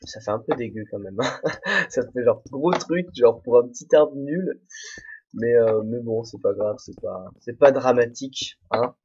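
A man's voice: medium pitch, unhurried, a little mellow, husky. A young man, the host of a game let's play, rambling to himself and joking at his own expense while playing. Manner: rambling, self-mocking, talks to himself. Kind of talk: casual solo gameplay commentary. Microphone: desk microphone, no headphones. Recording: dull, muffled home recording.

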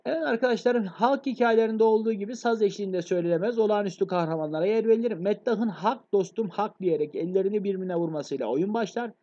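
A man's voice: high voice, warm tone, lo-fi sound. A man teaching an exam review lecture on literature, addressing his students directly and often checking that they follow. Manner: fast, addresses students as friends, frequent checks.

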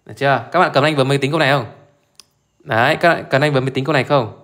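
A male math teacher talks through exam questions in a brisk, informal way. He keeps stopping to ask his listeners whether they follow, repeating short prompts again and again. His voice sits in an ordinary middle register. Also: mid-range voice, fairly bright tone. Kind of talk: live exam solution walkthrough.

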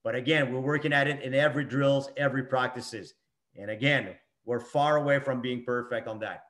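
With a fairly bright, mid-range voice, fairly even intonation, and a fairly quick delivery, a middle-aged hockey coach breaks down video clips of games. He keeps his phrases short and emphatic and returns to the same key points again and again.

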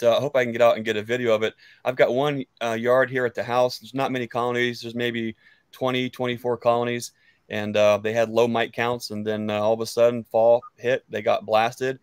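An American beekeeper in his thirties chats as a guest on a live chat from a book-lined room at home, friendly and meandering with hesitations. He sits close to a studio mic on an arm, and his mid-range voice is clear and resonant, a little fast with little pitch movement and no room sound.

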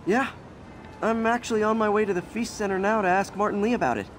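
A man's voice: high-pitched, fairly even intonation, quick pace, a little hiss or hum, natural voice. A man playing an earnest, kind young American superhero in a video game, with a hesitant, boyish, self-effacing way of talking. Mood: friendly, hesitant. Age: young adult. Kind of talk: cinematic video game acting. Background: background music.

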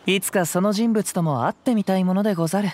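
A male actor playing a gentle, poetic young wandering samurai in a video game, speaking calm, measured, old-fashioned samurai Japanese. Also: sits high, no echo, close to an everyday voice. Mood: calm, reflective. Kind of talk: scripted game dialogue. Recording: clean voice over background music.

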